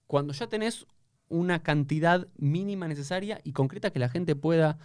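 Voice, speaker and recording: A man with an Argentine Spanish accent, a rabbi talking in a casual conversation, explaining with animated restarts. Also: fairly high pitch, moderate pace, clear, resonant tone, no echo, studio quality.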